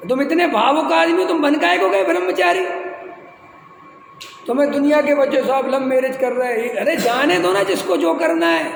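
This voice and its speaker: A man giving a spiritual discourse, mocking and teasing with rhetorical questions and quick imitations. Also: very high voice, animated. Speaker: Jain spiritual teacher. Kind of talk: discourse lecture. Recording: echoey hall, faint noise.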